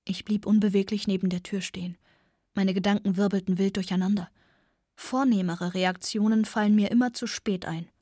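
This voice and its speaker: A woman reading a first-person novel aloud, soft and often close to a whisper. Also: mid-range voice, steady tone, moderate pace, dry recording. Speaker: audiobook narrator.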